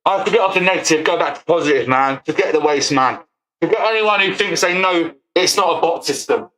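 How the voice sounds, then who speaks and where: A forty-something man, high-pitched for a man, ranting on a livestream. He swears freely and breaks into laughter as he talks. The sound bounces around an echoey room. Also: fairly bright tone. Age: 40s. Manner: profane, ranting, quick to laugh. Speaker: streamer. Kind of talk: livestream rant.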